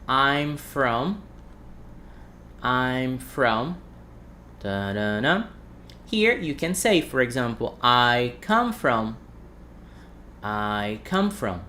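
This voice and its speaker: Brazilian-accented male English teacher, thirties, unhurried, drills phrases and quizzes viewers. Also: mid-range voice, a bit bright, a little hiss or hum. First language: Portuguese. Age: 30s. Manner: repeats phrases slowly, asks the chat questions. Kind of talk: livestream language lesson.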